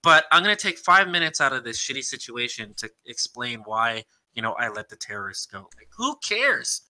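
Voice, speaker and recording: A man's voice: medium pitch, a little fast, bright, forceful tone, dry recording. A man in casual podcast chat reviewing a film, making sarcastic, incredulous asides.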